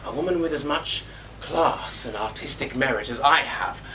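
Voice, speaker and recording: A man's voice: medium pitch, moderate pace, sharp tone. A man playing a pompous, theatrical cake maker on stage, self-admiring and vain. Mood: grandiose. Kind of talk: live stage comedy. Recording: far-off stage mic, faint room noise.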